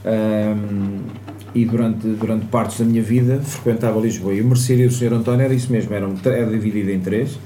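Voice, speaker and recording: A chef guest with a European Portuguese accent recounts childhood kitchen stories in casual chat, chuckling and drifting into asides. His lowish voice is steady, mellow and a little fast, recorded in an echoey room with faint noise.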